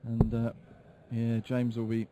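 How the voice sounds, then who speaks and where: A man giving live darts commentary in a measured, explanatory way. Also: mid-range voice, completely flat delivery, heavy background noise. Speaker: sports commentator.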